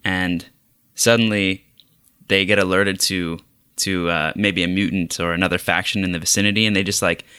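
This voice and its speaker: A man's voice: deep voice, steady tone, normal speed, pushed and bright, clear, resonant tone, no echo, clean studio sound. A man co-hosting a podcast, chatting casually about video games with many hesitant restarts. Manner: hesitant, lots of restarts and fillers. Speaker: podcast co-host. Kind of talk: casual gaming chat.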